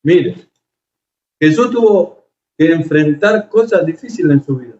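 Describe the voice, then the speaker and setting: A man's voice: a little high, expressive, unhurried, dark tone. A man preaching a sermon, telling stories with emotion and frequent hesitations. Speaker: pastor. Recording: echoey, slightly dull room recording.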